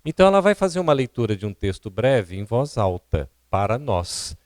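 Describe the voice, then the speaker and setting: A man's voice: mid-range voice, big pitch swings, moderate pace, a little mellow, no echo. Didactic Brazilian man lecturing. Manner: didactic, asks the audience questions. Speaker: seminar speaker. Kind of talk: lecture on public speaking. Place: seminar hall at a spiritist centre.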